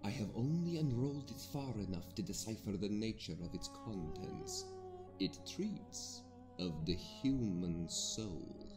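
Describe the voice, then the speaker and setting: A man with a fairly low voice performs the part of an aged, learned scholar with an ancient scroll, his pitch swooping wildly as he lectures in stately, archaic language at a measured pace. This audio drama recording carries a spacious reverb over background music.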